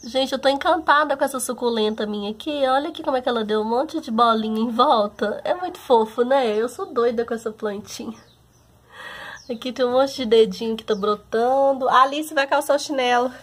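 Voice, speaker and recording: A woman's voice: a little high, fairly quick. A woman with a Brazilian Portuguese accent, chatting casually to her viewers while showing her backyard garden outdoors. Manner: chatty, homely, often calls out to her viewers. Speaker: home and garden vlogger.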